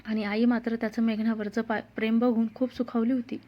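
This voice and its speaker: A woman's voice: a little high, little pitch movement, fairly quick. A woman narrating a family romance story as a storyteller, reading expressively. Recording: dull lo-fi sound.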